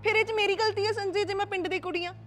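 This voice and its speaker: A young woman acts a lovesick village girl in a short film. Her voice is very high and emotional, pleading and coaxing. Faint music plays underneath. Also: fairly even intonation, very fast, a bit bright.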